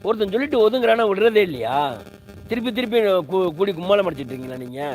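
A man rants on a livestream from home, indignant, repeating himself and demanding answers from his viewers. His voice sits a bit high, and a faint hum runs under the recording. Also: sing-song, fast, darkish tone, low-quality recording. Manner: indignant, repetitive, rhetorical questions. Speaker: live streamer. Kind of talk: heated livestream rant.

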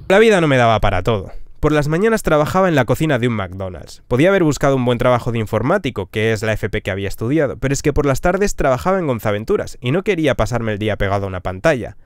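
A man, a travel vlogger telling his own story in a punchy, lively way with rhetorical questions, recorded in a small camper van on a stand mic. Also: mid-range voice, fast, no echo, studio quality. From Spain. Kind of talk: storytelling monologue. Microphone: podcast mic on a stand.

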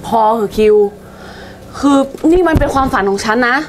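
A woman's voice: fairly high pitch, animated, moderate pace, a little hiss or hum, lightly acted. A young woman playing a bored village girl who dreams of singing on a big stage, talking in a whiny, complaining way. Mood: determined. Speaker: aspiring singer from the countryside. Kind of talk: short drama acting. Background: loud music.

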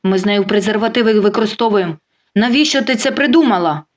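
A woman's voice: medium pitch, fast talker, close to an everyday voice. A smug, blustering husband in an audio story, voiced by a woman narrator. He talks big and sure of himself, then turns flustered and pleading when cornered. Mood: indignant. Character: self-assured middle-aged man leaving his wife.

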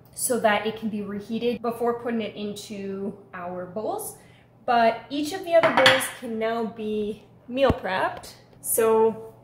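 Woman, 30s, home vlog, chatty, upbeat, slow pace, echoey room. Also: fairly high pitch, a little hiss or hum. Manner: chatty and upbeat, talking through her day. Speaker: vlogger. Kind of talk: casual vlog chat to camera. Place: home kitchen and living room indoors. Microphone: camera on a stand in front of her.

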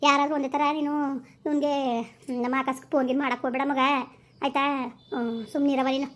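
A woman's voice: high voice, level tone, fast talker, natural voice. Bossy village aunt, as an actress plays her. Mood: lecturing. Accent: rural Kannada. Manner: bossy, lecturing, repeats warnings. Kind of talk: village skit acting.

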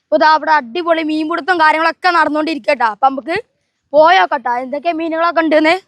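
A woman's voice: high-pitched, steady tone, racing, a bit bright, no echo. A woman travel vlogger chatting casually to viewers in a Malabar Malayalam accent from northern Kerala, mixing English words into her Malayalam. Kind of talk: casual vlog chat to viewers.

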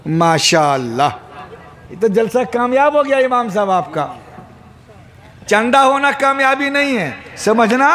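A male Islamic preacher, giving a humorous sermon at a gathering, quizzing the crowd and bursting into shouts. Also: extremely high pitch. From Bihar, India.

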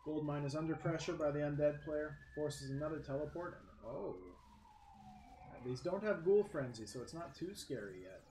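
A man commentating a strategy game match, lively play-by-play that jumps up in excitement. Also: a little high, moderate pace. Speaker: game caster. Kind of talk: esports commentary. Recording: echoey room with faint background noise.

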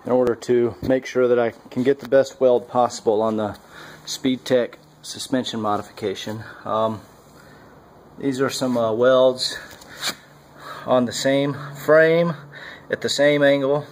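A man narrating his welding work on a car in a casual workshop vlog, halting with many fillers, on a handheld camera mic. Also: medium pitch, steady tone, slight background noise, low-quality recording. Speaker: home car builder. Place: garage workshop, indoors.

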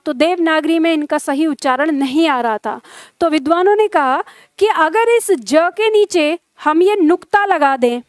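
A woman teacher explaining a Hindi grammar lesson, asking the class questions and slowly stressing each sound. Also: very high-pitched, dry recording, clean studio sound.

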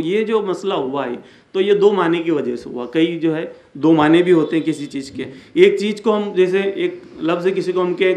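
A man giving a religious lecture, explaining verses, repeating and rephrasing points and reciting Arabic lines slowly. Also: on the high side, a little mellow. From India. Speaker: Islamic speaker and founder of an education center. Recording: echoey room.

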